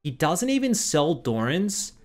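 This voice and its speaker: A young man commentates a replay as a streamer, blunt and casual, firing off quick critical remarks. His slightly high voice has a sing-song quality and sounds close and direct, as though he's on a headset in a small room at home.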